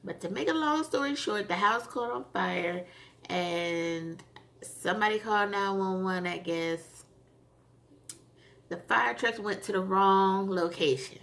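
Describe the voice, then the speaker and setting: A woman's voice: medium pitch, a little slow, gravelly, a bit bright. A woman casually recapping a TV episode for her channel, chatty and rambling, with frequent fillers. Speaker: TV episode reviewer.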